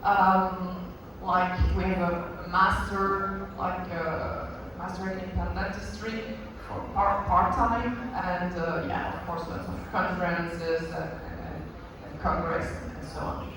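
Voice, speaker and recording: Belgian French man, high voice, halting conference lecture, distant mic in a noisy echoing hall. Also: flat delivery. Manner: hesitant, many fillers and restarts. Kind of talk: conference talk. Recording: echoey hall from far off, noisy.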